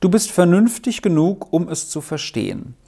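A reader voicing a gentle old grandmother. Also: mid-range voice, sing-song, vocal fry. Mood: gentle, admonishing. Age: over 60. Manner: soft, admonishing, slow and thoughtful. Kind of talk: storybook reading.

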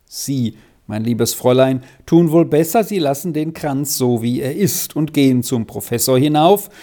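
A reader voicing a calm, kindly father who gently corrects his family in a storybook. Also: medium pitch, normal speed, close to an everyday voice. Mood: admonishing. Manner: soothing, patient.

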